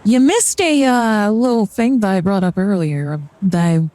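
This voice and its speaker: A young woman does a card reading on a live stream, chatting casually in a medium-pitched, warm voice that's a little slow. Her talk is rambling and jokey, sprinkled with fillers and short laughs.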